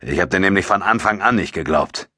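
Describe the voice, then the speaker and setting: Sarcastic streetwise soldier guy, higher and pushy, a guy reading it out. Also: expressive, a little fast, pushed and bright, faint music behind. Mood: heated. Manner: sarcastic, taunting. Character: mocking cynical male soldier, brash and streetwise.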